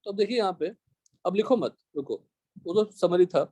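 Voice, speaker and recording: A high-pitched young Indian man teaching chemistry in class. His voice is mellow and dry, without room echo. He explains step by step and often stops to check whether the students have understood. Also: lively intonation. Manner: dictates slowly in English. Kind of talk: live classroom lecture.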